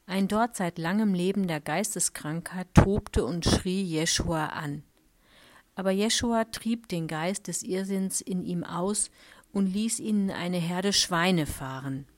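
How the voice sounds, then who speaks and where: Woman narrator, lowish voice, measured scripted reading.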